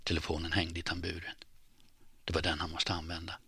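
A man reads a story in a deep, husky voice with a forceful edge. His delivery is measured and often sinks into hushed, near-whispered tones. The sound is dry and close. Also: completely flat delivery, no echo. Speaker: audiobook narrator. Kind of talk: scripted narration.

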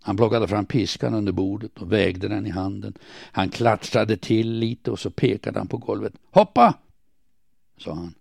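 A man reading a first-person diary aloud in a quiet, measured, somber way. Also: fairly low pitch, flat delivery, gravelly, dry recording, clean studio sound. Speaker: audiobook narrator.

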